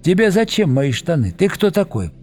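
A man voicing a blunt, gruff grown man who orders others about, in an audiobook. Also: high-pitched, very animated, normal speed, darkish tone, faint music behind.

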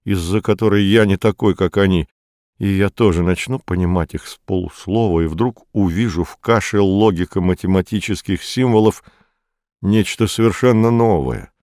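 A man narrating a novel as an audiobook in a measured, even way. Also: low-pitched, no room sound, studio quality.

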